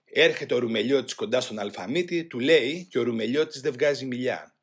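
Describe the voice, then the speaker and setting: Husky man reading a grave memoir. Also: mid-range voice. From Greece. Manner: grave, measured, voicing shouted quotes louder. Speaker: audiobook reader. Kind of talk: first-person memoir reading.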